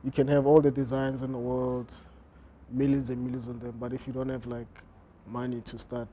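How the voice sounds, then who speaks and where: A man's voice: medium pitch, little pitch movement, a little fast, dark tone, slight background noise. A man answering interview questions about his fashion brand, hesitant and full of fillers. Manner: hesitant, many fillers and restarts. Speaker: fashion designer, interview guest.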